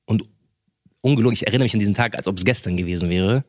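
A young man co-hosting a podcast, telling a personal story in casual chat with slang and quick restarts. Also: lowish voice, a little mellow, no echo, clean studio sound. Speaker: podcast co-host.

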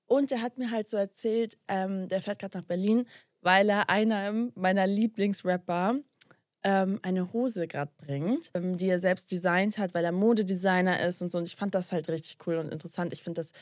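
A woman's voice: mid-range voice, normal speed, a little mellow, no echo, studio quality. A young woman casually telling a story to her co-host, acting out both sides of the dialogue and dropping English slang into her talk.

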